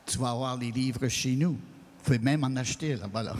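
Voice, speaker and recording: A man with a Franco-American French accent answering audience questions on stage, earnest and measured, on a handheld mic. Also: medium pitch, darkish tone. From New England, United States. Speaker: guest writer. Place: stage of a large hall. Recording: long hall reverb.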